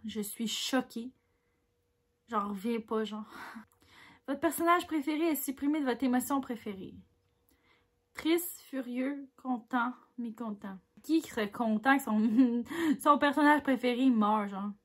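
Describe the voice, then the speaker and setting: Unhurried and a little high-voiced, a Québécois French-accented woman goes through a quiz in a chatty, candid way. Each question comes out louder as she reads it, and she ponders her answers with small laughs.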